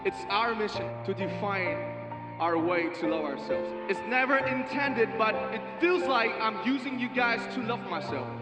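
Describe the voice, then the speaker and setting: A man's voice: sits high, animated, moderate pace. A man giving an earnest, heartfelt speech to a large crowd. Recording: echoey arena with loud music.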